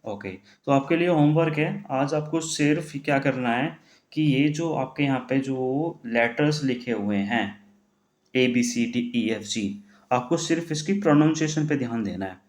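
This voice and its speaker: A man teaching the German alphabet in a classroom style, putting questions to the class and answering them himself, repeating words slowly. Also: medium pitch, a little mellow. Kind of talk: classroom-style lesson explaining pronunciation. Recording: echoey room.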